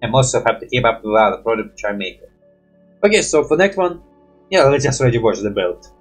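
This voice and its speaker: Very animated and a little fast, this young adult man has a medium-pitched voice with a breathy edge. He's a reaction video host in a small home room, casually watching animations and rambling hesitantly in non-native English, mildly swearing out of habit. Soft music plays in the background.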